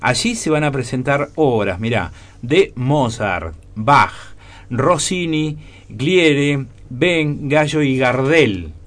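Male radio host, Argentine accent, mid-pitched, upbeat and talkative. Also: animated, slow pace. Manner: chatty, enthusiastic, warmly promoting. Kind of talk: radio interview.

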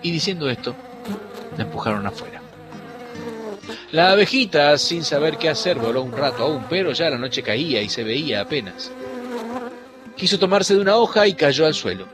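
A man narrating a children's fable in an expressive, dramatic storybook reading. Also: on the high side, normal speed, long pauses. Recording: faint music behind.

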